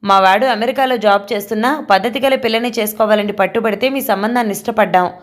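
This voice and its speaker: A woman's voice: medium pitch, fairly even intonation, fast talker, natural voice. A woman voicing a polite woman who plainly delivers disappointing news, in an audio novel. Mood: matter-of-fact. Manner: matter-of-fact.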